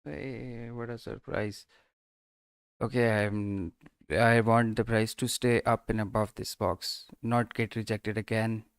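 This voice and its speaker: A man commenting on his trades live in an unhurried, drawn-out way, often trailing off into mutters and short bursts like "boom." His voice is smooth and clear. It sits close and dry, with no room echo. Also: flat delivery. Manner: mutters and trails off, exclaiming at price moves. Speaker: live stream day trader.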